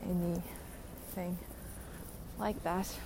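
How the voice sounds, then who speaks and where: A woman's voice: on the low side, little pitch movement, very slow, creaky, noisy background. A young adult woman hosting a podcast, rambling through a casual solo rant, mocking herself and laughing often. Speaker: podcast host.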